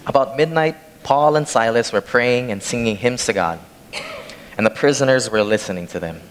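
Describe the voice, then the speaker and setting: A man's voice: medium pitch, normal speed. A young man from Hawaii preaching a sermon in a large church sanctuary, reading scripture and then telling a personal story in a plain conversational way as he walks the stage with a handheld mic. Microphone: handheld microphone from a far camera. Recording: long church hall reverb, faint noise.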